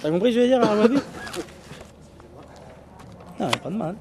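A man's voice: high-pitched, expressive, normal speed, noisy background. A man teaching an Arabic class, explaining in French with Arabic phrases mixed in and often checking with "tu vois?".

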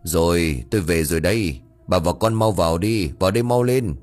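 A man voicing a stern middle-aged village father who shouts and scolds. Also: low-pitched, fairly quick, faint music behind, lightly acted. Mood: urgent.

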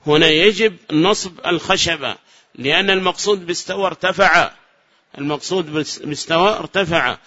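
A man teaching a classroom grammar lesson. He asks the class questions, answers them himself, and repeats the key phrases slowly. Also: a little high, bright, forceful tone. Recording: dull lo-fi lecture recording.

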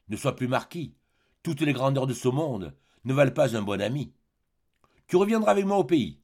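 A man reading aloud, voicing a cheerful, warm-hearted young tradesman in a hearty, eager manner. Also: on the high side, vocal fry, husky, pitched above the performer's own voice, exaggerated voice.

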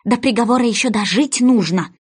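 A woman doing a shrill stammering storybook rabbit herald. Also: fairly quick, breathy edge. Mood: fussy, shrill.

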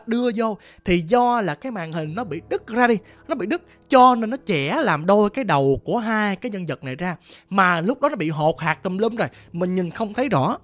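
A storyteller with a Southern Vietnamese accent retelling a ghost story, vivid and animated, acting out sounds. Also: medium pitch, no room sound. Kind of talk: retold ghost story narration.

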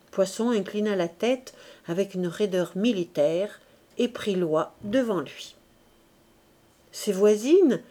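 A woman reading a classic novel aloud as an audiobook, with measured, expressive narration. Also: medium pitch. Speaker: audiobook reader.

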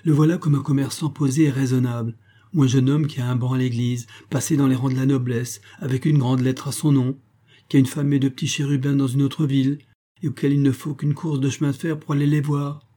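A man voicing a shrill, cajoling old grandmother from a city slum in an audiobook. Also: little pitch movement, fairly quick, mellow, close to an everyday voice. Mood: admiring, cajoling. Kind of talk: audiobook character voice.

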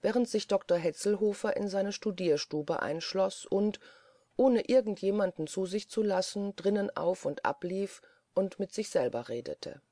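An audiobook narrator reading a classic novel in a measured, even way. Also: medium pitch, no echo, studio quality. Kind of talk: scripted literary narration.

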